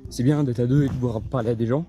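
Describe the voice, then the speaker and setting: A man's voice: medium pitch, fairly even intonation, rapid-fire, music in the background. Young man vlogging on a mountain trail. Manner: rambling, hesitant, lots of fillers and restarts. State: tired, low on spirits. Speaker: hiking vlogger. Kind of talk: casual vlog to camera while trekking.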